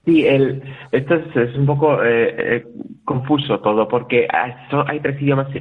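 A man's voice: mid-range voice, normal speed, husky. Spanish man on a tinny phone line. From Spain. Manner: chatty, with frequent restarts and quoted dialogue. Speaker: interview guest. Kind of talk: casual interview talk.

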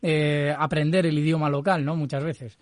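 A man's voice: a little high, little pitch movement, normal speed, no echo. A man interviewing a guest, asking questions and adding his own reflective comments.

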